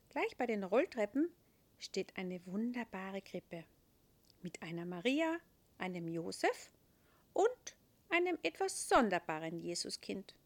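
Slow, expressive woman storyteller. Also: medium pitch. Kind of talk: reading a children's story aloud.

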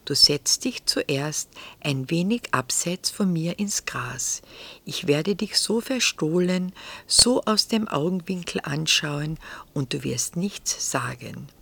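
A woman voicing a wise, patient, lonely fox in a whispered role-play, with a soft, gently pleading whisper. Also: deep voice, animated, slow, gravelly, slightly rough, full character voice. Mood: gentle musing.

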